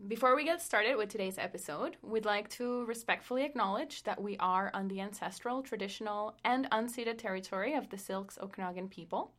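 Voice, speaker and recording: A woman's voice: mid-range voice, fairly quick, hardly any pauses, fairly bright tone. A woman from Costa Rica with an accent, not a native English speaker, co-hosting a casual podcast and explaining things with easy laughs. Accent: Costa Rican. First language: French and Spanish. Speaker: podcast co-host.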